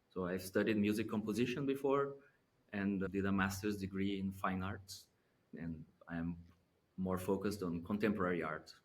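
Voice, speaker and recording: A man from Brazil, speaking calmly and in a measured way as a guest. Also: deep voice. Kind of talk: casual interview.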